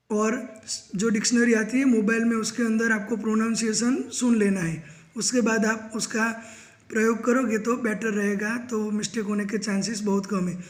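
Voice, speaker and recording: Indian male English tutor, high voice, talks straight to students, mixes in English. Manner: addresses students directly, mixing English phrases into Hindi. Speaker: spoken English teacher. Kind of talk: explanatory lesson.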